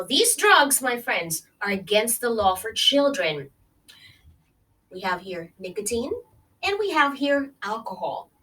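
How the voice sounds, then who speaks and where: A woman teacher reads a health lesson aloud to children, speaking to them directly and checking in with friendly "okay?" and "right?" as she pauses to explain and ask questions. Her voice is a little high and a bit bright, captured roughly from a distance.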